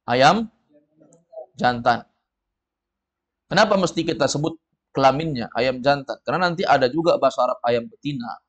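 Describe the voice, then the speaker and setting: A man's voice: medium pitch, lively intonation, moderate pace, pauses often. A man teaching an Arabic lesson to a group, saying words for them to repeat and explaining their meanings. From of Padang descent. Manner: drills words, students repeat. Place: study room with a group.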